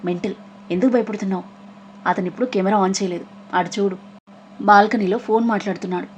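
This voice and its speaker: A woman's voice: medium pitch, fairly even intonation, quick pace, a little hiss or hum, close to an everyday voice. A woman voicing a chatty young female friend who teases. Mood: teasing. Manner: teasing, chatty.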